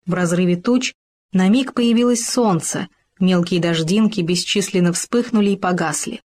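A woman narrating a children's story aloud in a calm, expressive reading voice. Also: on the low side, moderate pace.

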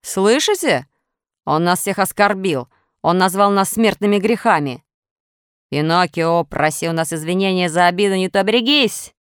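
A woman's voice: fairly low pitch, normal speed, clear, resonant tone, dry recording, clean studio sound, close to an everyday voice. A woman voicing a gang of rowdy schoolboys who taunt and threaten in a storybook reading.

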